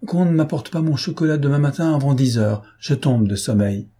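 A man voicing a sly, cocky gentleman thief who teases his captors in an ironic, lively tone, in a read-aloud novel. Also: medium pitch, fairly quick, slightly rough, voice pushed up. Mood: mocking.

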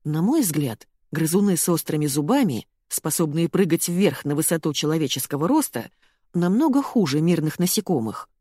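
A woman with a low-set but very lively voice reads a first-person comic novel aloud. Her delivery is wry and expressive, and the recording is dry and close-miked. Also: moderate pace, husky, no echo. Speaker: audiobook narrator. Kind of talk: first-person audiobook narration.

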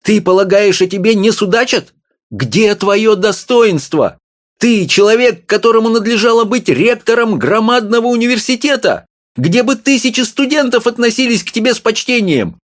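A man reading an audiobook, voicing an agitated, shrill little wife who scolds her husband. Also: animated, moderate pace. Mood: shrill reproach. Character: shrill furious little wife, middle-aged.

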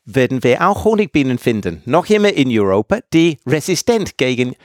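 English-accented male guest, unhurried, middle pitch, hesitant phrasing, close dry mic. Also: very animated, no echo. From England. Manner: halting, searching for words. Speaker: guest researcher. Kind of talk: casual interview chat.

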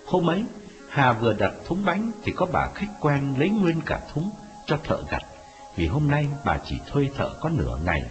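A man narrating a dramatic story in a scripted, expressive telling. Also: medium pitch. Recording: dull lo-fi audio with music. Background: music.

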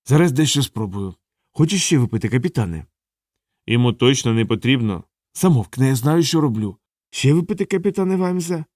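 A man's voice: medium pitch, animated, fairly quick, a little mellow, dry recording, clean studio sound, close to an everyday voice. A man voicing a fussy, worried older male sergeant of the city watch. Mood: fretting.

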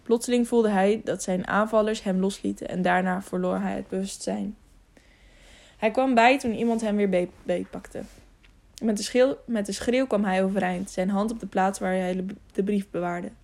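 A woman's voice: mid-range voice, fairly even intonation, moderate pace, creaky, darkish tone. A woman narrating an adventure novel as an audiobook, reading steadily and now and then correcting herself.

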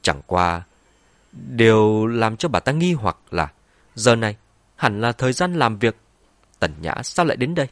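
A man narrating a web novel audiobook in an expressive, dramatic reading. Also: lowish voice, measured pace, pauses often, dry recording.

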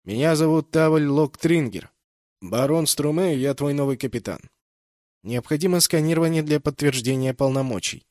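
A man's voice: on the high side, moderate pace, darkish tone, no echo, studio quality, pitched above the performer's own voice, natural voice. A man voicing a wry, bold, teasing male spaceship captain in an audiobook. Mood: brash. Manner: brash, teasing. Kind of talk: audiobook character voice.

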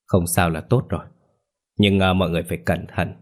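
Male reader playing a low, gruff old patriarch, blunt and scolding, storybook style. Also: little pitch movement, fairly quick, natural voice. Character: gruff elderly male family elder, blunt.

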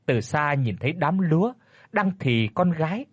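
A man narrating a horror story in a dramatic, expressive storytelling manner. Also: on the high side, normal speed, breathy edge, dry recording.

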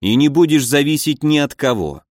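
A man voicing a stern, gruff old boyar. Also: fairly high pitch, animated, moderate pace, dry recording, clean studio sound, lightly acted. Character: stern older male boyar, scheming.

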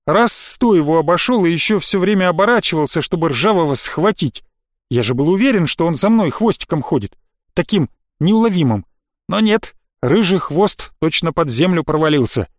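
High-voiced man narrating a story. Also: normal speed, no room sound, studio quality. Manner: lively, expressive storytelling. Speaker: audiobook narrator. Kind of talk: scripted first-person narration.

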